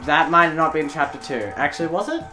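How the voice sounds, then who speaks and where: A man's voice: a little high, lively intonation, sharp tone, soft background music. A man joking and teasing his friend while they play through a video game together. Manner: jokey, teasing, quick interjections. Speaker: game co-player. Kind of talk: let's play banter.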